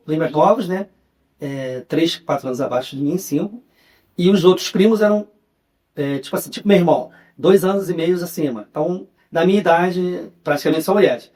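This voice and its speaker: This casual interview features a young adult man, a journalist and writer from Rio, whose high voice carries a Carioca Portuguese accent. As a podcast guest he tells stories about his past in an easygoing way, tagging many lines with a questioning "né."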